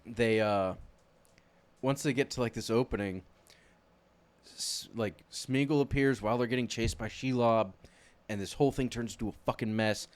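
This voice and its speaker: A man's voice: mid-range voice, moderate pace. Foul-mouthed man retelling a story. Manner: swears constantly while retelling the story; animated storyteller who acts out scenes in silly voices. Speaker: podcast co-host. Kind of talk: casual chat.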